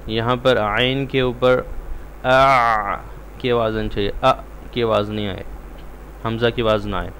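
A man teaching a Quran recitation lesson. He explains the rules quickly and recites the words slowly, drawing them out. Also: fairly low pitch, level tone, fairly bright tone, a little hiss or hum. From Pakistan.

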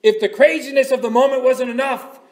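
A man's voice: extremely high pitch, fairly even intonation, a little fast, darkish tone. A male pastor giving an earnest sermon, explaining scripture with emphatic rises.

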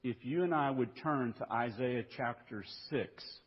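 A man preaching a sermon as pastor, reading scripture in a measured way and building to raised, emphatic passages. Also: mid-range voice, breathy edge. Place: church sanctuary. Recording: dull lo-fi recording in a reverberant church.

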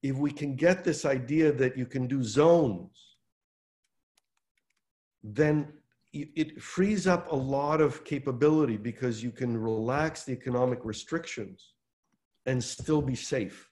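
An older man speaks over a webcam from a room at home, hosting a town hall. His voice sits at an ordinary middle pitch, and he talks in animated bursts that pick up speed when he makes a point. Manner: animated, gestures with his hands, fast bursts. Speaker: host of a town hall on a video call. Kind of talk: explanatory advocacy talk. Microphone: video call webcam.

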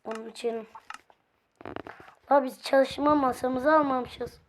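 A woman with a hoarse, fairly high voice talks her way through a game at an unhurried pace. She chats casually with her viewers and with the game's characters. Faint background noise sits under her voice. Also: steady tone. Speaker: gameplay video host.

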